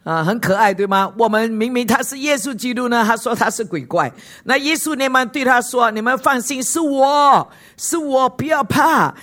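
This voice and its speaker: A woman's voice: on the high side, normal speed, fairly bright tone. A woman pastor giving a sermon in Mandarin, constantly putting questions to the congregation and slipping in short English words. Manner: asks the congregation frequent questions.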